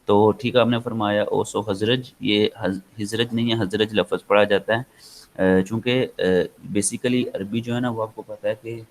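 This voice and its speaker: A man's voice: lowish voice, fairly even intonation, poor audio. A man with a Pakistani accent giving an online lecture, rambling with many fillers and slipping into English. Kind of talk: online lecture, casual explaining.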